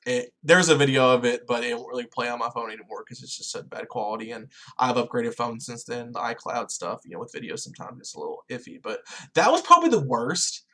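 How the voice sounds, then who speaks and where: A man's voice: mid-range voice, sing-song, fast, hardly any pauses, bright, forceful tone. A young man co-hosting a podcast, rambling through casual chat and filling it with "like". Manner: rambling, heavy use of "like". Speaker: podcast co-host.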